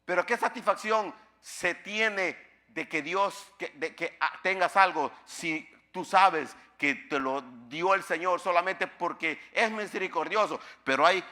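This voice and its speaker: A man preaching a sermon in a church, calling out to the congregation and swinging between hushed passages and loud, shouted peaks. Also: high voice, unhurried. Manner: preaching with call-and-response to the congregation. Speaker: pastor. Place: church sanctuary.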